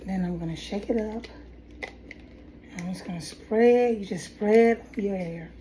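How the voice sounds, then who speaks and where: Recorded on a phone camera propped on her kitchen table, a middle-aged hair vlogger with a head cold coughs and rambles through a casual hair tutorial, often starting over. Her medium-pitched voice is unhurried, and the audio is very noisy.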